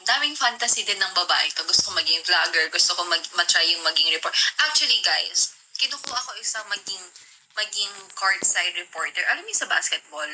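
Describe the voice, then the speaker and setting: A woman's voice: lowish voice, lively intonation, fairly quick, rough recording. A young woman in her twenties from the Philippines, hosting a casual livestream in a giggly, chatty way and greeting viewers by name. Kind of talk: casual live-stream chat. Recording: loud background noise with clicks.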